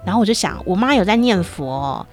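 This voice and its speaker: A woman's voice: medium pitch, expressive, quick pace, faint music behind. A middle-aged woman telling a comic personal story in a chatty, playful way, with many sentence-final particles. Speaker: storyteller host.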